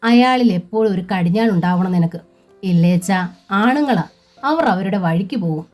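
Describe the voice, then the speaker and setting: A woman's voice: medium pitch, expressive, moderate pace, a little mellow, faint music behind, lightly acted. A woman voicing a worried, outspoken middle-aged sister-in-law who lectures in a fretful tone, in a storybook reading.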